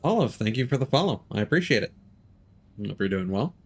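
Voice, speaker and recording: A game streamer, male, talks in a medium-pitched, sing-song voice at a brisk clip, with a slight hiss or hum in the audio. His live commentary is casual and rambling, full of swearing and muttered reactions to whatever appears on screen.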